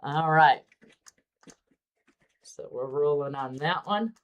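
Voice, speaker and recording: A woman hosting a casual livestream about miniature painting, relaxed and chatty with frequent ums. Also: deep voice, slow pace, muffled recording.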